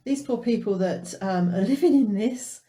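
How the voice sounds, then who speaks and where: A woman's voice: medium pitch, moderate pace, warm tone. A woman talking casually as a researcher in a panel discussion, thoughtful and somewhat hesitant. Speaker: paranormal researcher.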